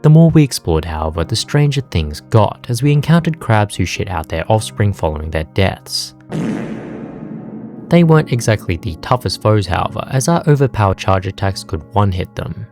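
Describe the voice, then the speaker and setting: A young man narrating his gameplay in a scripted, comedic way, with sarcastic, profane jokes told in a deadpan manner. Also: fairly low pitch, moderate pace, faint music behind. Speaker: gaming video narrator.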